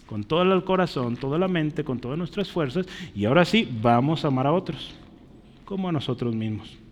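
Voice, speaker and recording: A man preaching a sermon to a congregation, checking in with constant tag questions and swinging between loud emphatic peaks and quiet drops. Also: medium pitch. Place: church hall. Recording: long hall reverb.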